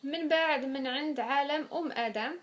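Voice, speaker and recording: A woman in her twenties with a Moroccan accent speaks at normal speed in a high voice, casually answering viewers' questions in a Q&A vlog and mixing French words into her speech.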